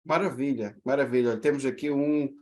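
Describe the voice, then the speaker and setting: A man's voice: mid-range voice, fairly even intonation, normal speed, a little mellow. A man with a Mozambican Portuguese accent hosting a podcast and reacting to a guest's story. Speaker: podcast host. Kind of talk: casual chat.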